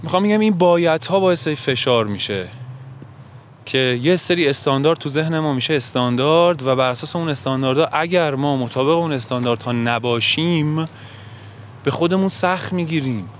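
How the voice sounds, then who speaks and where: A man's voice: a little high, slight background noise. A man speaking in a reflective monologue, earnest and musing, often asking himself questions. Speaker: self-help podcaster.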